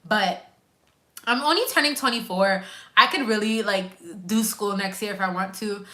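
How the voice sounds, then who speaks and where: A nurse in her twenties is live streaming casually from her couch, talking right to her viewers and reading their comments in an animated way. Her medium-pitched voice moves at normal speed with a bright, forceful tone.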